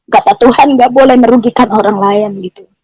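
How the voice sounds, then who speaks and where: Speaking briskly in a steady, fairly high and slightly mellow voice, a middle-aged woman tells her testimony as a guest. She talks casually and repetitively, restating phrases and ending clauses with "gitu." The audio is dry and low in quality.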